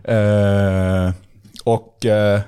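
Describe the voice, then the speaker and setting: A young man telling a story in a casual podcast chat, animated and full of fillers and restarts. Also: on the low side, clean tone. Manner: animated, acts out dialogue, lots of fillers and restarts. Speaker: podcast guest.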